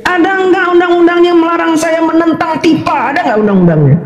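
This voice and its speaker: A woman's voice: very high-pitched, fast, muffled recording. An older woman in a casual, combative monologue, firing indignant rhetorical questions and laughing mockingly as she rants. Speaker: livestream commentator. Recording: echoey room with long reverb.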